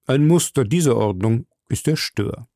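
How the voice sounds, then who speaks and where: Gravelly-voiced man reading a story. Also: mid-range voice, lively intonation, moderate pace, warm tone, no room sound, studio quality. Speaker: audiobook narrator. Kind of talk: scripted narration.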